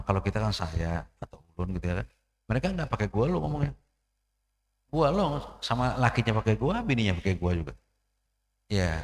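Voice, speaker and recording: A man giving a mosque sermon in a conversational way, repeating phrases, often saying "ya" and clearing his throat. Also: lowish voice, darkish tone. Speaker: preacher. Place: mosque hall. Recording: echoey hall with long reverb.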